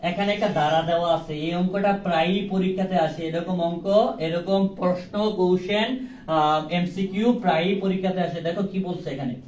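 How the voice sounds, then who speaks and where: A man's voice: high-pitched, normal speed, darkish tone, slight background noise. A young man teaching a live online class, asking questions and answering them himself in a casual, joking way. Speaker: online tutor. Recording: roomy, distant mic with faint ambience.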